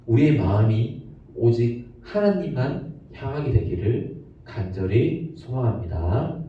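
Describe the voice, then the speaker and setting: A man giving a gentle sermon to children, acting out the quoted lines as he tells the story. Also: mid-range voice. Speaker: children's pastor. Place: church for online service. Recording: echoey room, distant dull mic.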